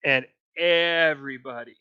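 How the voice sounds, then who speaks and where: A man narrating a tabletop game as dungeon master, drawing out the scene slowly. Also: on the high side, bright, forceful tone, smooth. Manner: slow, drawn-out scene narration. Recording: dry, slightly dull audio.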